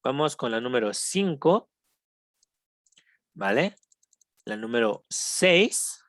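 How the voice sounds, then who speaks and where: A teacher with a Mexican accent, patiently explaining English grammar in a recorded lesson, slowing down for each English example and checking in with the students. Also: medium pitch, very animated, fairly bright tone, dry recording, clean studio sound. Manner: switches between Spanish and slow English examples.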